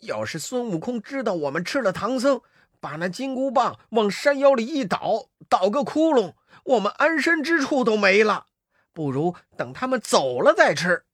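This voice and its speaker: A storyteller voicing a cunning little demon vanguard who talks quickly and schemes. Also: mid-range voice, big pitch swings, fairly bright tone, no room sound, clean studio sound, voice pushed up. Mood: scheming. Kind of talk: storybook character voice.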